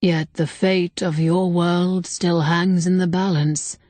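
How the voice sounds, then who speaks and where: An ancient, bodiless male spirit of a temple, as a woman reader puts him on, calm and collected but heavy with regret. He speaks slowly and deliberately in a low, unhurried storybook voice, every word measured. The recording is close and dry. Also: dry recording. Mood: calm regretful. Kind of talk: audiobook character voice.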